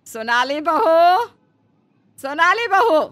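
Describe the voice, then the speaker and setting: A woman's voice: fairly high pitch, very animated, normal speed, sharp tone. A woman voicing a stern, bossy middle-aged mother-in-law who scolds and gives orders in a cartoon story. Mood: scolding. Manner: scolding, commanding. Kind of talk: Hindi cartoon story voice acting.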